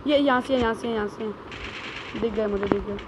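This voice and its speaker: A woman streamer giving excited gameplay commentary, teasing teammates and shouting quick calls. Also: fairly high pitch. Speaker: gaming streamer. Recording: noisy game stream audio.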